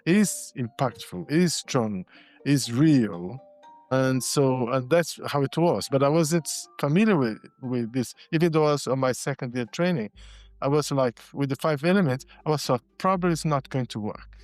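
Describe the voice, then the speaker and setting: A man's voice: medium pitch, animated, moderate pace, a little mellow, no room sound, faint music behind. A man, a podcast guest telling his story reflectively, often restarting and repeating words. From Brazil. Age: 60s. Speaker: guest, constellations facilitator and shiatsu practitioner. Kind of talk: casual podcast interview.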